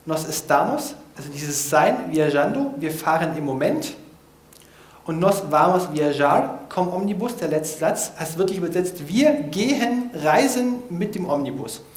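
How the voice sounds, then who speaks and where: A man in an informal setting explaining foreign vocabulary to listeners, thinking aloud with frequent hesitations. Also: fairly high pitch. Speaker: language learner presenting vocabulary notes. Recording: echoey room.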